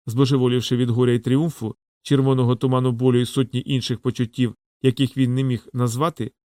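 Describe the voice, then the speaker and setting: A man narrates a fantasy audiobook in a dramatic, measured storytelling manner. His voice sits at an ordinary middle pitch. The sound is dry and close, with no room echo. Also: level tone, darkish tone. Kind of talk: scripted narration.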